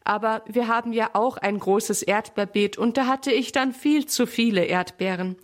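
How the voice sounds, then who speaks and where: A woman's voice: on the high side, moderate pace, natural voice. A woman voicing a stately, talkative neighbor lady in a children's story, chatting in a gossipy way. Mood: chatty.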